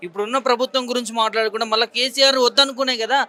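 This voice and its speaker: A man's voice: extremely high pitch, steady tone, rapid-fire, bright, forceful tone. A male reporter, asking brief, pointed questions in a street interview.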